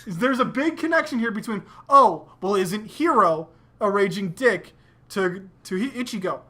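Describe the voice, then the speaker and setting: A woman's voice: medium pitch, expressive, moderate pace, bright, forceful tone. A woman co-hosting an anime discussion show, ranting animatedly with plenty of swearing. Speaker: anime discussion podcast co-host. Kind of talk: casual chat.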